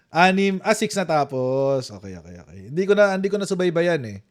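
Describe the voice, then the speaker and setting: A man with a Filipino accent doing casual live-stream commentary, animated and mocking, laughing often. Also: on the high side.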